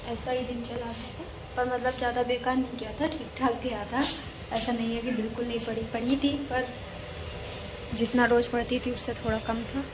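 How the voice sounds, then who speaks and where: A woman's voice: a little high, background noise. A young woman narrating her day in a casual, rambling vlog, chatty and self-mocking. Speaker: vlogger, exam student.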